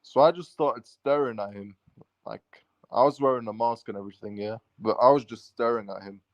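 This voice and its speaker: A man's voice: mid-range voice, a little fast, no room sound, highs cut off. A man recounting a run-in to his vlog viewers in a casual, swearing, run-on style. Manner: swears freely, restless run-on sentences. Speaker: vlogger. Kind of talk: casual rambling storytelling.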